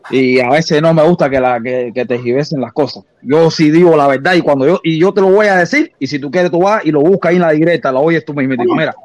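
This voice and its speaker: An insistent Cuban man with a high-pitched voice calls into a live online debate, repeating his points over and over. His voice sounds dry and close, with little room around it. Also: fast talker, few pauses, dry recording. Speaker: caller. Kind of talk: heated live-stream debate.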